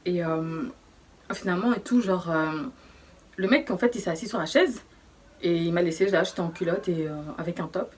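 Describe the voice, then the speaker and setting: A young woman telling a personal story in a casual, slangy way, often hushed, with many fillers. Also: lowish voice, moderate pace, a little hiss or hum. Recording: voice distant from the mic.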